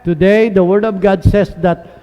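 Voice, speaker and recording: High-voiced preacher in a reverberant church hall. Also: male voice, a little slow, lo-fi sound. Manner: lively, asks the congregation questions and answers them himself; switches between Tagalog and English. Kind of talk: sermon.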